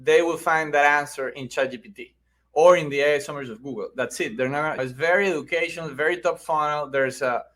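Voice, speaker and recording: Here a podcast guest who founded a marketing agency talks at a quick pace, his voice a little high and a bit bright. This middle-aged Venezuelan-accented man explains things in a conversational way, frequently adding "right?" to check in.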